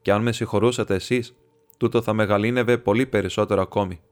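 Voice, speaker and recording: A man's voice: fairly low pitch, steady tone, clear, resonant tone, lightly acted. A man voicing a proud, scornful nobleman who makes a bitter, mocking confession. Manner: mocking and defiant.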